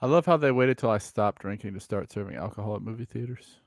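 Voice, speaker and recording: A man's voice: lowish voice, quick pace, vocal fry. A man in his thirties in casual, profane chat, telling joking stories about going out with friends. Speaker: streamer.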